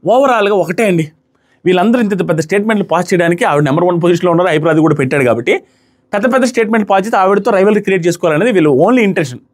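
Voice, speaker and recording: A man with a high voice talks fast as he gives an opinionated episode review. He drives home his points by repeating them emphatically. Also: expressive. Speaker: reality show reviewer.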